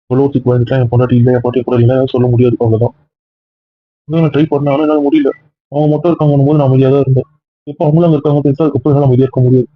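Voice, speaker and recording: A man playing a headstrong young husband in an amateur audio drama, insistent and protective, with a husky voice. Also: medium pitch, racing, no room sound, lightly acted. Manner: insistent, keeps ending points with a flat final word. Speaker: husband character. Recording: tinny phone-like dry recording.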